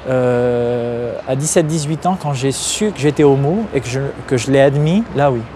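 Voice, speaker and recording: Man from Algeria, hesitant, mid pitch, loud traffic noise outdoors. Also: normal speed. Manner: hesitant, many fillers and restarts. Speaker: interview guest, activist. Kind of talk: candid interview.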